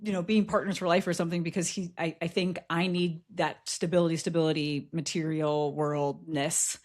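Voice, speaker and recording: Her fairly low, darkish voice barely moves in pitch and keeps a moderate pace as this podcast co-host shares a personal story. She's candid and reflective in the casual chat, with frequent laughter and fillers.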